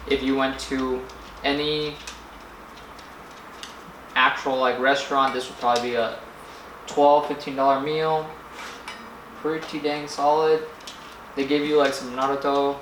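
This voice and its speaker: A man narrating a casual food vlog in a rambling, halting way, often searching for words. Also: medium pitch, fairly bright tone. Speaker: food vlogger. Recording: echoey room with faint background noise.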